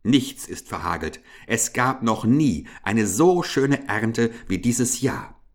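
A man's voice: medium pitch, expressive, slow pace, vocal fry, heavily acted. A man doing a stingy, grumbling fat hamster. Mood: blustering. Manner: grumbling, blustering, self-pitying.

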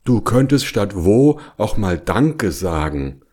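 A man's voice: on the low side, big pitch swings, slow pace, darkish tone, heavily acted. A man voicing a plump, sly older male bear who coaxes and then sulks, in a children's storybook reading. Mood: coaxing. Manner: coaxing, later sulky and spiteful.

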